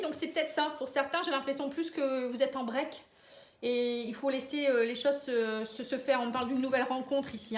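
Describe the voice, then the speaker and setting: High-voiced woman reading cards. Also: echoey room. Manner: hesitant, frequent euh and hein fillers. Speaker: tarot reader. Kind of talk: casual card-reading guidance.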